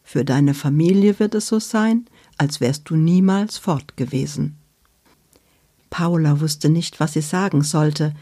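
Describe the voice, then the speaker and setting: A woman reading a children's book aloud in a deliberate storytelling manner. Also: sits low, mellow, no echo, studio quality.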